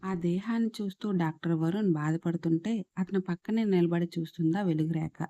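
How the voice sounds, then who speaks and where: A woman storyteller reads an audio story at a steady, even pace. Her voice is low and mellow, very warm. The recording is close and dry. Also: a little fast, no room sound, muffled recording.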